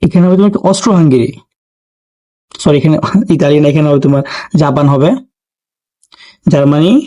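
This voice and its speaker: A man's voice: a little high, fairly quick, warm tone. A young man teaching students as he works through exam questions, explaining step by step, speaking to them directly and mixing in English words. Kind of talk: exam question solving lesson.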